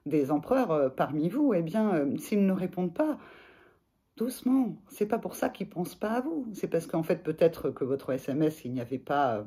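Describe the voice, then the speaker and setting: A woman coach giving gentle, hesitant advice to camera, with many pauses and fillers. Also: lowish voice, sing-song, breathy edge. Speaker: sophrologist and life coach. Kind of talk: casual advice talk to camera.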